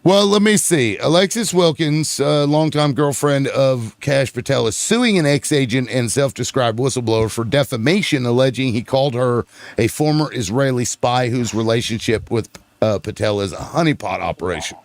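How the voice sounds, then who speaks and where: A man's voice: medium pitch, no echo. A man hosts a casual political panel over an online call, stopping and restarting as he looks things up. His voice sits mid-range and sounds dry and close. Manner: halting, looks things up and reads aloud. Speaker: host of a panel show. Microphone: online audio call.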